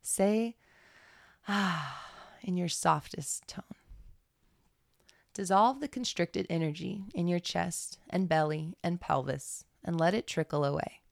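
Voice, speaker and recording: A woman leads a guided meditation, reading in a measured, soothing way. Her voice sits low and carries plenty of fry. The sound is close and dry, with hardly any room in it. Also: no room sound. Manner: slow, soothing, measured delivery. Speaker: podcast guest reading aloud.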